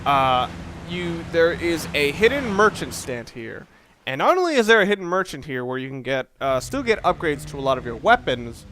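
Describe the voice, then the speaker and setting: A man with a slightly high, fairly bright voice offers casual let's play commentary over a video game, with slight background noise. He rambles wryly and keeps stopping to restart his sentences.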